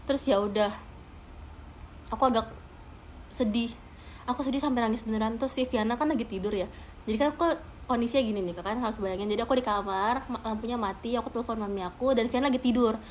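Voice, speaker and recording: A woman's voice: a little high, a little mellow, slight background noise. A young woman chatting casually on a livestream to her fans, laughing often and appealing to viewers with emphatic asides. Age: young adult. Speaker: idol streaming to fans.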